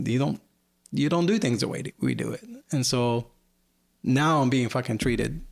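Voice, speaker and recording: A Lebanese man, a podcast guest at home, talks casually in a candid, rambling way, packing his speech with fillers like "like" and "you know." His voice is medium-pitched with vocal fry.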